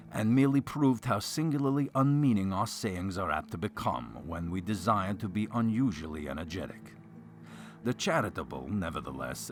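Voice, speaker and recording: A man's voice: low-pitched, fairly bright tone. A man narrating a gothic story as a dramatic reading, in a theatrical, hammy stage-actor manner.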